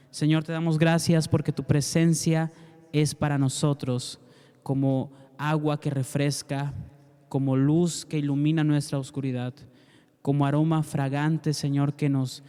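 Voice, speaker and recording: Male Bible teacher, earnest and direct, smooth slightly high voice, reverberant room. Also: level tone, normal speed. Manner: warm earnest teaching, addresses listener directly. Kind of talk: Bible class with prayer. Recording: long reverb.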